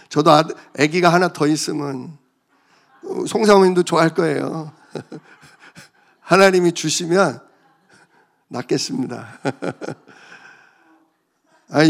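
A male pastor preaching a sermon, telling stories in an animated way and calling out for amens. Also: fairly high pitch, creaky. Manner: animated storytelling, calls for amens.

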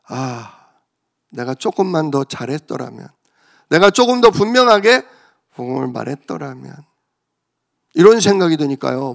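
A man's voice: high-pitched, gravelly. A man pastor preaching an emotional, confessional sermon that builds in intensity.

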